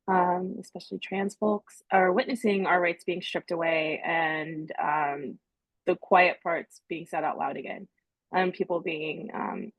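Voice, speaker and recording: A woman's voice: mid-range voice, no room sound, low-quality recording. A woman moderating a film Q&A panel, introducing guests and asking questions in an encouraging way.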